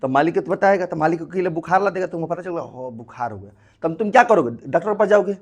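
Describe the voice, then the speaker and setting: A man's voice: sits high, rapid-fire. A young male teacher giving a classroom lecture, often asking the class questions and acting out the body with sound effects.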